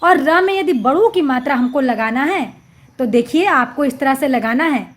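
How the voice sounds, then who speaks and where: A woman teaching a Hindi lesson to young children, sounding out syllables slowly and patiently, repeating each word with emphasis. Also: high-pitched, lively intonation. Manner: addresses children directly, patient explaining. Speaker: primary school Hindi teacher.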